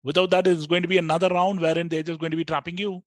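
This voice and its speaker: Man, Indian accent, slightly high voice, dry close sound, live trading commentary, conversational, addresses viewers directly. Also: flat delivery, racing, no room sound.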